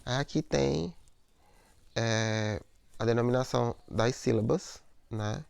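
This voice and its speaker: A man with a gravelly, mid-pitched voice teaches a lesson on poetic meter. He explains patiently, repeats himself and keeps checking in with his listeners. The recording is dry and close. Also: takes it slowly, a little mellow, no room sound. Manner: explanatory, repeats words, frequent "né?" and "ó".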